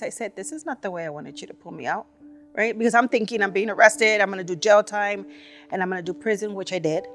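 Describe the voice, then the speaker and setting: A woman's voice: mid-range voice, a bit bright. A woman telling her personal faith testimony in an earnest storytelling way. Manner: earnest storytelling, frequent "you know". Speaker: testimony speaker.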